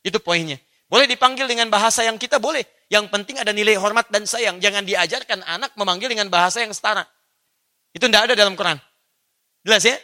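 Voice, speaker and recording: A man's voice: sits high, fast, bright, forceful tone. A man preaching in a religious study lecture, speaking straight to his listeners and often asking them rhetorical questions. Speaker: Islamic preacher.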